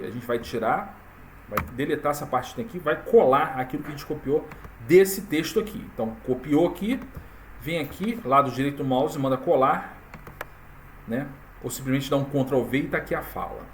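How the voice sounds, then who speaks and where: Chatty man with a slightly high voice. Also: lively intonation, brisk, slight background noise. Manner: conversational, many fillers and tag questions. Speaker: tutorial presenter. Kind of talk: casual screen-recorded tutorial.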